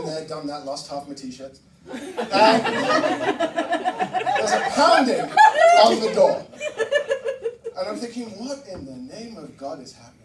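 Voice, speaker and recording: Animated stand-up man, high lively voice. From Barbados. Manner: animated, swearing, jumps into loud outbursts. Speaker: stand-up comedian. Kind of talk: stand-up set. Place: comedy room with laughing audience. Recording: roomy echo, mic heard from a distance, noisy.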